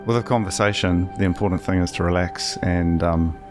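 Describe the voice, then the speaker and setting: A man hosting a podcast, talking in a relaxed, rambling way with casual swearing. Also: low voice, a little fast, music in the background. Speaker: podcast host. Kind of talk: casual conversational interview.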